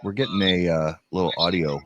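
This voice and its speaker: Low-voiced upbeat podcast host. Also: male voice, fairly even intonation, a little fast, highs cut off, background noise. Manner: upbeat, rambling with fillers. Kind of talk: casual podcast hosting.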